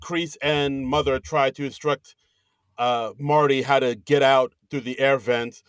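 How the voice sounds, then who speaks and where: A man co-hosting a podcast, casually retelling a film's plot and slipping into quick quoted voices. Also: medium pitch, steady tone, clean tone, no echo. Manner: retells scenes with quick put-on quotes and laughs. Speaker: podcast co-host. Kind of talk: casual movie recap chat.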